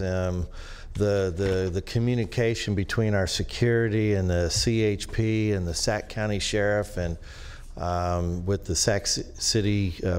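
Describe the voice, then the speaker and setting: Deep-voiced man speaking haltingly at a meeting. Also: a little mellow, smooth. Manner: halting, with many restarts and fillers. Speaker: business district treasurer addressing the board. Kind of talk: public comment at a government meeting. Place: county board meeting chamber.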